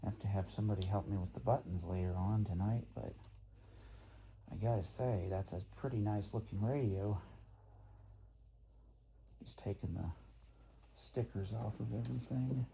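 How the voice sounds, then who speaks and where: Speaking at normal speed with fairly even intonation, a man with a fairly low, dark voice and vocal fry leaves long pauses as he thinks aloud. He's a product reviewer in a casual unboxing vlog, muttering and repeating words. The noisy amateur recording sounds muffled and comes from a phone held in hand or placed nearby.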